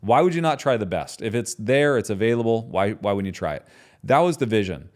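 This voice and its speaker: A man hosting his own podcast, talking in a passionate, conversational way and often tagging his points with quick questions. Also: lowish voice, lively intonation. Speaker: podcast host and business founder. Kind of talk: solo podcast talk.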